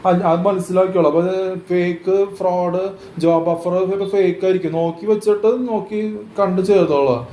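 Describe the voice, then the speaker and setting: Rambling man, quick and high-pitched, casual talk, echoey room with faint hiss. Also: steady tone, mellow. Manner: rambling, repetitive, hesitant restarts. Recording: roomy echo with faint ambient noise.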